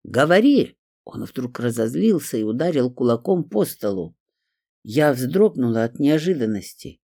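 Man reading a fantasy audiobook, lively pitch, dark mellow voice, dry close sound. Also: normal speed, vocal fry, no room sound. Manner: animated, expressive storytelling. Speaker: narrator. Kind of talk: audiobook narration.

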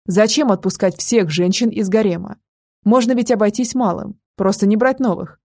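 A woman narrating a first-person audiobook in a calm, measured way. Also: medium pitch, dry recording, clean studio sound.

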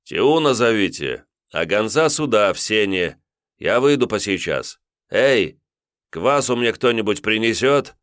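A man's voice: lowish voice, big pitch swings, unhurried, fairly bright tone, no room sound, clean studio sound, pitched above the performer's own voice. A man voicing a stern, cunning middle-aged military governor who barks curt orders. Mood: commanding.

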